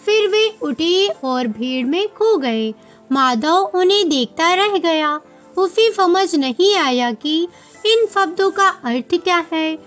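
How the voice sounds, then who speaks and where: A woman narrating a devotional story in a solemn, measured way, with faint music behind her. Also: very high-pitched. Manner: slow, solemn, measured delivery. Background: faint background music.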